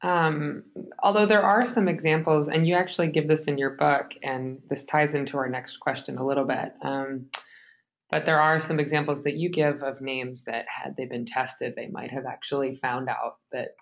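A woman's voice: a bass voice, steady tone, moderate pace. A woman moderating a Q&A, reading out audience questions and laughing easily. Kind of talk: hosting a Q&A webinar. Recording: muffled lo-fi audio.

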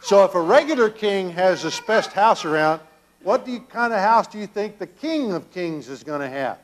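An older man, a pastor, gently questioning children during a children's sermon in a church sanctuary. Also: high-pitched, lively intonation, moderate pace, slight background noise. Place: church sanctuary, children seated around him.

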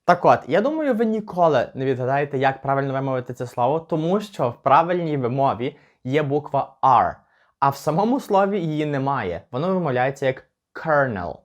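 A man's voice: mid-range voice, animated, dull audio. Chatty man teaching English pronunciation. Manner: chatty, slows down to spell out words. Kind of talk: casual pronunciation lesson.

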